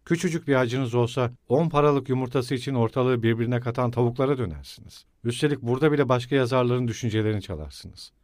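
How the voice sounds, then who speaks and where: A man voicing a shouting hot-tempered student. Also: medium pitch, fast, hardly any pauses, no echo, studio quality, lightly acted. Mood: scolding. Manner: loud, blustering, pleading.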